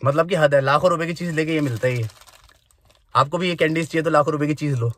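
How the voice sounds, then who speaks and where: Fast and fairly bright, with a fairly high pitch, this Indian man in his 20s chats casually for his car vlog. Car and road noise is clearly heard throughout, since he's recording beside a car on the road.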